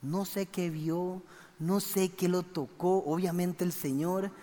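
Man, high voice, animated testimony in a reverberant hall. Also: takes it slowly. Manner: animated, acts out the dialogue. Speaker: speaker giving a testimony. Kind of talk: storytelling testimony.

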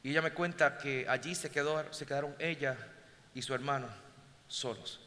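A male pastor telling a story in a sermon, moving between hushed passages and loud exhortation. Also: mid-range voice, steady tone, moderate pace, a little hiss or hum. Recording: long hall reverb, faint ambience.

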